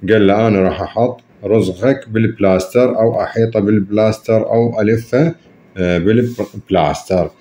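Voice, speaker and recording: A low-pitched man with an Iraqi Arabic accent gives an English lesson in a mellow, warm voice. He fills pauses with long "aah" sounds and reads each English line slowly and deliberately. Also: fairly even intonation. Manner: explains step by step with frequent drawn-out "aah" fillers, reads English lines slowly. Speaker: English teacher. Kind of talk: recorded classroom lesson.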